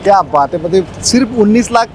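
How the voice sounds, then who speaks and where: A man's voice: sits high, animated, fairly quick, a little mellow, a little hiss or hum. A man hosting a casual promotional car video, hyping and echoing what is offered. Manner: hyping, echoing the dealer's prices. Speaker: video host presenting cars with a dealer. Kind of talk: casual promotional vlog chat.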